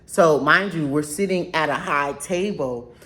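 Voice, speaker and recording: A young adult woman telling a dramatic story in a casual vlog, animated and profane, with sudden high-pitched outbursts. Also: unhurried. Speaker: storytime vlogger.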